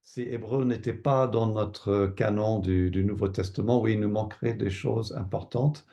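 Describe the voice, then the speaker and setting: Older Canadian pastor, low gravelly voice, unhurried and hesitant interview answers. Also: male voice, fairly even intonation, warm tone. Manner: thoughtful, hesitant with many fillers and repeated words. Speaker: pastor and Bible teacher.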